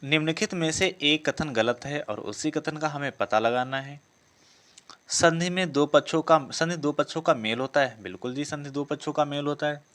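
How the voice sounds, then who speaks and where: In a lesson on practice exam questions, a male exam coaching teacher with a fairly high, slightly bright voice talks at a moderate pace. He reads each option aloud, confirms it, and corrects himself along the way, often repeating his phrasing.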